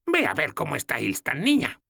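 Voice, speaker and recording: A man's voice: fairly high pitch, huge pitch swings, fairly quick, vocal fry, pushed and bright, no room sound, studio quality, voice pushed up, heavily acted. A man voicing a stern, mocking old woman goddess in an audiobook, speaking in a blunt, scolding way. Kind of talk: audiobook character voice.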